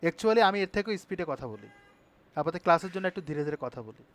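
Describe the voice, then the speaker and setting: Male instructor, high voice, brisk tutorial delivery with frequent check-ins to the class. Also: big pitch swings, a bit bright. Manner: brisk, checks in with students often. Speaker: web design instructor. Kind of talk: live online class tutorial.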